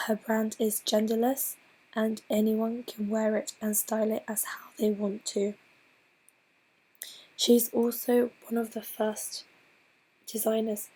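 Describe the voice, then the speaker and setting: A hoarse woman, clearly ill, presents her slides in a breathy, half-whispered voice. She talks slowly and haltingly, restarting phrases as she goes. Her tone is mellow and dark, and her pitch stays flat. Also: rough recording. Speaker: student presenter.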